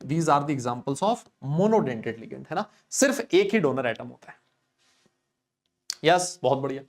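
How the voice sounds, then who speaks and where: A man's voice: mid-range voice, sing-song, takes it slowly. A man teaching chemistry in a live online lecture, chatty and teasing, answering comments as he goes. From India. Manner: chatty, teasing, answers live chat comments, coaxes students with filler tags.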